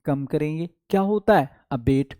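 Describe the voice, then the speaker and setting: Man, vocabulary teacher, online class, mellow voice, dry recording, self-answering questions. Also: a little high, dry recording. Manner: asks questions and answers them himself, drawing out key words; repeats words slowly for memory. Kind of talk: online exam-prep class.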